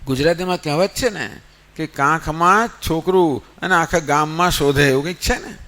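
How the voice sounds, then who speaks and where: Fairly high in pitch and fairly bright in tone, a man's voice carries a Gita discourse. The spiritual teacher weaves a story, answers the questions he poses himself, and counts slowly.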